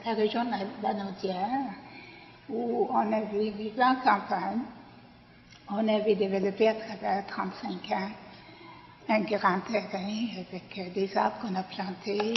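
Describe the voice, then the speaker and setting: Slow-spoken woman in her sixties, from Pakistan. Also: mid-range voice. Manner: hesitant, many fillers. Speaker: volunteer. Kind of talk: personal testimony. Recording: echoey hall, dull lo-fi sound.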